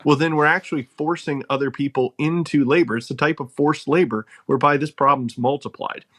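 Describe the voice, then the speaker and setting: A man's voice: on the high side, steady tone, brisk, fairly bright tone. A man talking as a podcast guest, making his case in an emphatic, earnest way and laughing between points. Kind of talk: casual conversational argument.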